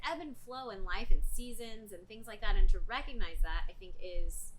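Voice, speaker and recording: A woman's voice: medium pitch, normal speed, very noisy. A young adult woman, a salon business coach, talking casually as a podcast guest and acting out quoted voices. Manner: chatty, animated, acts out quoted voices.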